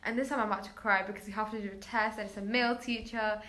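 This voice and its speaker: A woman's voice: medium pitch, steady tone, racing, noisy background. A woman telling a personal story as a guest in casual chat, chatty, with many filler words, acting out quoted lines.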